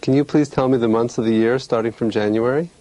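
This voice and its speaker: A man plays a clinician demonstrating an exam, offering polite, measured, clearly worded instructions and explanations. His mid-range voice is steady and dark in tone.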